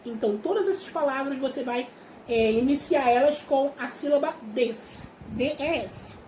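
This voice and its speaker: A woman primary school teacher with a Brazilian Portuguese accent, explaining a worksheet patiently and drawing out words slowly to show their syllables. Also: high voice, warm tone. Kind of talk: remote class explanation. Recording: echoey room with faint hiss.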